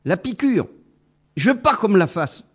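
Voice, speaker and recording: Man voicing a stubborn gorilla, shouty, high, husky, storybook. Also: sing-song, moderate pace, heavily acted. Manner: shouting, childish insistence. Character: stubborn loud male gorilla patient.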